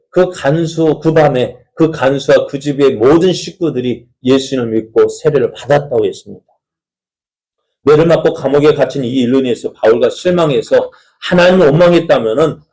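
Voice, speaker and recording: A man preaching from the pulpit in a relaxed, talk-like way. He keeps putting questions to the congregation. His voice is mellow and warm, at an ordinary middle pitch. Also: poor audio. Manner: conversational preaching, asks the congregation many rhetorical questions. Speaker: pastor. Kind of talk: sermon.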